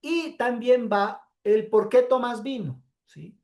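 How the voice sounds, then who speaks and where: A woman teacher with a slightly high voice and a dark tone explains her pre-recorded lecture step by step. She speaks slowly, frequently checking in with her students by asking "¿sí?".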